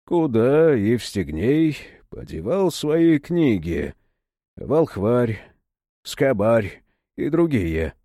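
Man doing a cold, bassy henchman. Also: extremely slow, no echo, clean studio sound, exaggerated voice. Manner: bass, calm, indifferent interrogation.

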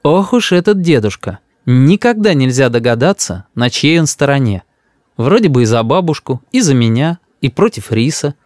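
A man narrating a humorous story aloud in a wry, expressive way. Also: mid-range voice, normal speed, dry recording, clean studio sound. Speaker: audiobook reader.

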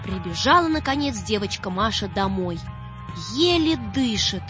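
A woman narrating a children's story in an expressive storytelling manner. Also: medium pitch, normal speed. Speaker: audiobook narrator. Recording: dull dry recording with faint music.

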